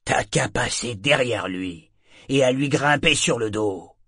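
A man's voice: medium pitch, animated, measured pace, fairly bright tone, slightly rough, no room sound, studio quality, heavily acted. A man voicing a brutish, bullying sailor who talks coarsely and menacingly. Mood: taunting.

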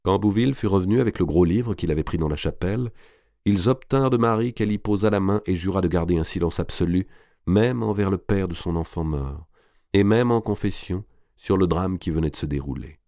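Deep-voiced man narrating a novel. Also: brisk, dark tone, no room sound, clean studio sound. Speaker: audiobook narrator. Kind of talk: scripted narration of a historical novel.

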